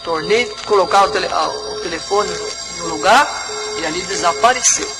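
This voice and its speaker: High-voiced preacher over music. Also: male voice, low-quality recording. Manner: slow, repetitive, dramatic storytelling. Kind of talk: testimony in a sermon. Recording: music playing underneath.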